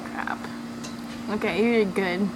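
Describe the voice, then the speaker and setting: A woman's voice: medium pitch, steady tone, slow. A woman chatting casually and informally in a giggly way on a home video. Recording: very noisy amateur home video.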